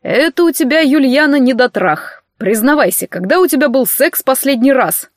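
A smug young man holding forth like a self-appointed judge at a party, read by a woman. His delivery is pompous and preachy, pitched fairly high, with a dry, close sound and no room around it. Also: animated, normal speed, dry recording. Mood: sententious. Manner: pompous, sententious.

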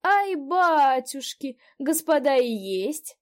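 A woman's voice: high-pitched, big pitch swings, voice pushed up, heavily acted. A woman reading a story aloud, voicing a fussy, gossiping old peasant innkeeper woman. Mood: fussing. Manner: fussy, fawning, quick to exclaim. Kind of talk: audiobook character voice.

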